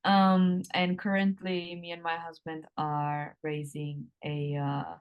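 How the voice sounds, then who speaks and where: A woman in her thirties from the Republic, a guest answering interview questions in an unhurried way with frequent ums and drawn-out words. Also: sits low, little pitch movement, clear, resonant tone, lo-fi sound. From Czech Republic. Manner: hesitant, many ums, slowing and drawn out.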